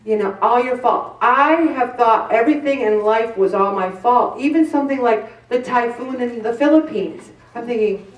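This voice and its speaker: A middle-aged woman addresses a group with a candid faith-based talk, poking fun at herself and voicing the different parts of her inner dialogue. Her voice is fairly high, moving at a moderate pace with few pauses, heard from a distance in an echoey room.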